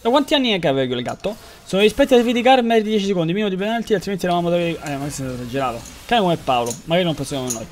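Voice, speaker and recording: A man's voice: high voice, lively intonation, rapid-fire, hardly any pauses, a little hiss or hum. A young man, chatting and joking with his audience while streaming a game, rambling and swearing freely. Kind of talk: live gaming stream chat.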